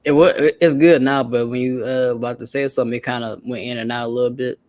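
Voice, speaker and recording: A man with a mid-range voice chats easily as a livestream guest, slangy and quick to laugh. His voice sounds dry and close, with no room echo. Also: medium pitch, steady tone, a little mellow. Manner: laid-back, slangy, laughs often. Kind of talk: casual chat.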